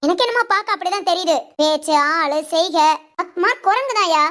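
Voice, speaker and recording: Two sentences: a very high-voiced young wife, squabbling with her husband and playing up every grievance. It is a Tamil family cartoon, with the role taken on by a woman doing the voice. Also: animated, a little fast, a bit bright. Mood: scolding. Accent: Tamil Nadu Tamil. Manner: bickering, dramatic. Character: sharp-tongued young wife, theatrical complainer. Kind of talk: cartoon voice acting.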